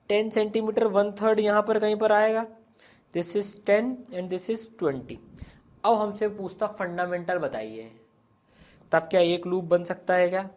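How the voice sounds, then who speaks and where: A man's voice: high-pitched, darkish tone. A male physics teacher, explaining step by step and asking and answering his own questions. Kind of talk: classroom physics lesson. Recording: slightly dull lo-fi sound.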